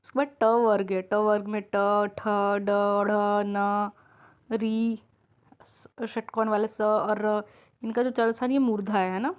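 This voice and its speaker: A woman teaching an exam-prep grammar lesson, explaining step by step, checking in with her students and drawing out each example sound slowly. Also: mid-range voice, steady tone, clear, resonant tone. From India.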